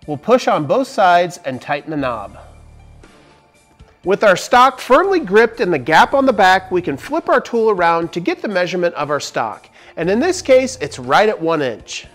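A woodworking channel host in his forties reviews tools casually from a big barn workshop, his high voice lively and swinging as he jokes and explains. He wears a lapel mic, and faint music runs beneath him.

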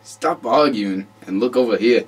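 A man's voice: medium pitch, moderate pace, husky. A man co-playing a game, teasing and bantering in casual commentary. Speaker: co-player.

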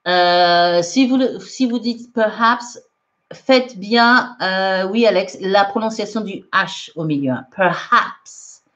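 A woman's voice: medium pitch, takes it slowly, a bit bright. A woman teaching English in a live online lesson, reading out viewers' comments and correcting them in a chatty way with frequent laughs, mixing French and English. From France. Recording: dull lo-fi livestream audio.

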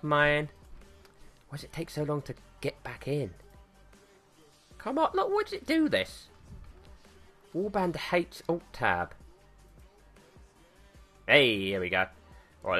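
Lively streamer barking battle orders. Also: male voice, fairly low pitch. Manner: animated, barks battle orders, jokey and crude. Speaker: gaming streamer. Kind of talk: live gameplay commentary.

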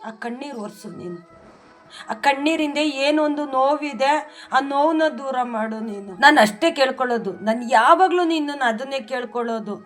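A woman's voice: high voice, a little fast. A middle-aged woman speaking a heartfelt, pleading prayer straight to the deity, fervent and earnest. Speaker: devotional channel host.

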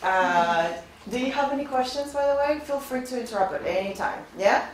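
A woman in her thirties, born in Venezuela and raised in Spain, gives an upbeat, chatty recruiting presentation to a class of students, often asking them questions. Her voice is high-pitched and expressive, at a moderate pace. A far camera with no visible mic captures her in a very echoey classroom with faint noise.

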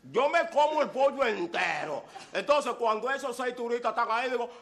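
A man's voice: very high-pitched, lively intonation, moderate pace, creaky, fairly bright tone. A man doing a boisterous stand-up comedy monologue, full of exaggeration and punchy repeated lines. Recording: live show with audience laughter.

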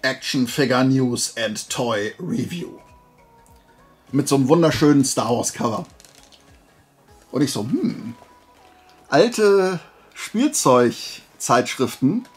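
Soft background music accompanies a man's mid-range voice, slow with long pauses yet lively in intonation. As host of a flea market haul video, he talks conversationally and colloquially, a keen collector asking himself questions during the show-and-tell.

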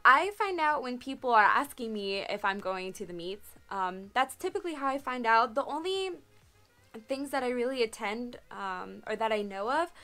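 A young woman in her twenties, sitting in her small bedroom, answers viewer questions to her webcam in a casual Q&A vlog. Her voice is on the high side with a sharp tone, and she chats freely, laughing often and saying "um" and "like" a lot.

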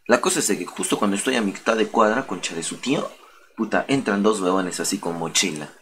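A man's voice: lowish voice, fairly quick, a bit bright, slight background noise. A young man with a Peruvian accent, a streamer telling a story in casual, slang-heavy street talk full of swearing. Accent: Peruvian Spanish.

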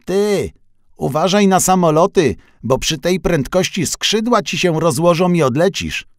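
A man voicing a curious, excitable young male mail van in a children's audio story, speaking in lively, wide-eyed chatter. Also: high-pitched, measured pace, dry recording, clean studio sound, pitched above the performer's own voice. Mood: teasing.

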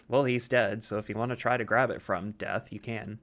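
A man hosting a gaming channel, bantering loosely with a friend as they play together. He keeps things laid-back and jokey, often breaking into a chuckle. His voice sits on the low side. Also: steady tone, normal speed, fairly bright tone. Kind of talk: casual chat while playing a modded game.

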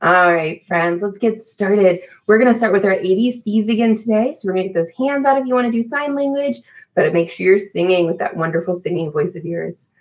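Speaking briskly in a medium-pitched voice, a woman in her thirties hosts a live storytime for young kids in a small room at home. She addresses the children directly with teacherly encouragement and sing-song greetings by name. The recording sounds rough.

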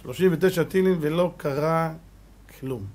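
Middle-aged rabbi, high voice, lively sermon delivery, swings from shouts to near-whispers, lots of rhetorical questions. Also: male voice. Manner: animated, rhetorical questions, swings from loud exclamations to hushed tones. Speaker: rabbi giving a Torah lesson.

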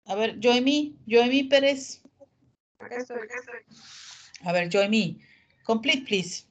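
Fairly high-pitched and animated, this woman's voice belongs to a patient English teacher running an online class by video call. She calls on students and explains things slowly, mixing Spanish with English.

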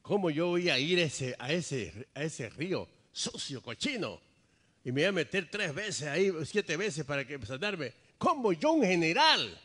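A preacher playing a scornful, indignant general. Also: male voice, fairly high pitch, sing-song, measured pace, fairly bright tone, slightly rough, voice pushed up, exaggerated voice. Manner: scornful, incredulous outbursts. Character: proud indignant army general, adult man.

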